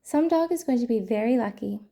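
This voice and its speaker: A woman's voice: on the high side, lively intonation, brisk, vocal fry, dark tone. A woman reading as a kind, approving mother.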